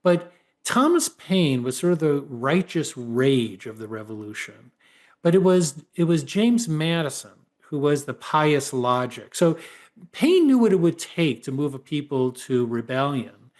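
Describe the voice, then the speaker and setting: Halting male professor, lecturing guest. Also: on the high side, big pitch swings. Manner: halting restarts, then lecturing. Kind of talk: interview answers.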